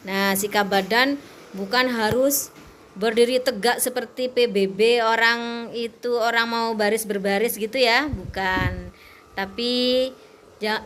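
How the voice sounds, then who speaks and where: Slow-talking female teacher explaining patiently. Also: fairly high pitch, fairly bright tone, slight background noise. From Indonesia. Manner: patient, explaining slowly with fillers. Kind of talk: classroom lesson to students.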